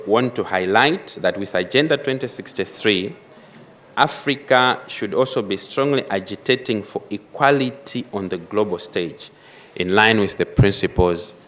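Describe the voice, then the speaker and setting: A man giving a formal panel address, measured and emphatic, stressing key phrases as he goes. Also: on the low side, a bit bright. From Malawi. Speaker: panel speaker.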